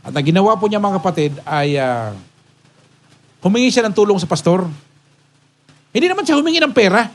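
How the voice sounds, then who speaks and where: A man preaching as a pastor, his voice pitched a little higher than most men's. He keeps checking on the congregation with quick rhetorical questions. He swings from emphatic, raised peaks down to soft, low storytelling. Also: lively intonation. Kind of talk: sermon.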